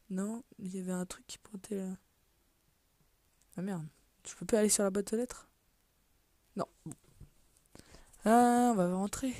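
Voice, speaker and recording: A woman's voice: medium pitch, dark tone, dry recording. A woman giving casual let's play commentary on a puzzle game, muttering to herself, swearing casually and often dropping to a half-whisper. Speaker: gaming video creator.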